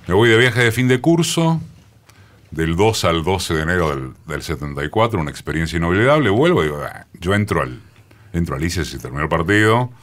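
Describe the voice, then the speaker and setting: A man in his sixties with a Rioplatense accent and a booming, forceful deep voice, telling his story in a radio studio interview with many pauses. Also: big pitch swings. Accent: Rioplatense Spanish. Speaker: radio journalist guest. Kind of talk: reminiscing interview talk.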